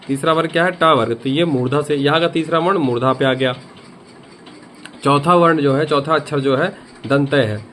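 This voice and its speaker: A man's voice: a little high, sharp tone, a little hiss or hum. A man teaching a grammar lesson, repeating each point and asking the viewer questions. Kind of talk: grammar lesson explaining a memory trick.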